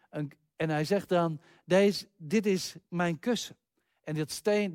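A man preaching a sermon, retelling an old story earnestly, with slow pauses and sudden quick rushes. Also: fairly high pitch, a little mellow, no echo, clean studio sound.

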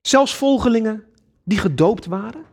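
A man's voice: high-pitched, normal speed. A man preaching a sermon, earnest and emphatic, addressing his congregation directly. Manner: earnest, lively preaching with sudden emphatic rises.

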